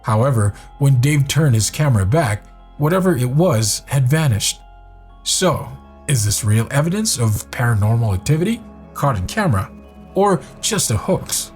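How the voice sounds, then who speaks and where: A man reading scripted narration for a countdown video in a measured, even storytelling manner. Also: medium pitch, faint music behind.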